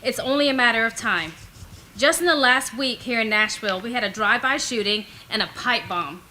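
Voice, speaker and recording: A woman's voice: fairly high pitch, brisk, pushed and bright, slight background noise, poor audio. A woman giving firm, prepared public comment at a council meeting, pressing her point with rhetorical questions. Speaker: resident and ministry director giving public comment.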